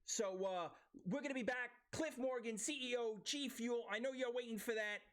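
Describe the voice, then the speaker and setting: A man's voice: very high-pitched, moderate pace, a bit bright. A man in his forties with a New York accent, hosting a podcast in casual, chatty interview banter. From Brooklyn, New York. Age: 40s. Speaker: podcast host.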